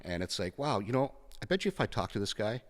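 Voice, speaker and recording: A man's voice: fairly low pitch, sing-song, fast, long reverb tail. A man in his fifties, from Kenya, telling his story as a podcast guest in a frank, blunt way with frequent fillers. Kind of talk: conversational interview.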